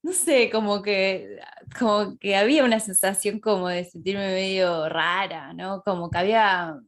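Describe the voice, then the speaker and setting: A woman's voice: mid-range voice, unhurried. A woman from Mexico, a panel guest recalling her childhood, searching for words with many fillers. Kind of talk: casual personal recollection.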